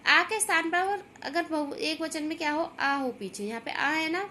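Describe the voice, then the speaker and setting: A woman teaching a grammar lesson, slowly repeating example words and often checking that her students understand. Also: sits high, lively intonation, bright, forceful tone, a little hiss or hum.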